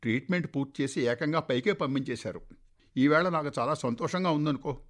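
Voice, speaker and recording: A man's voice: fairly high pitch, brisk, pitched above the performer's own voice, close to an everyday voice. A man voicing an old father in his sixties, kept in an asylum, who talks in a cheerful, rambling way, for a radio story reading. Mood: eerily gleeful. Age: 60s.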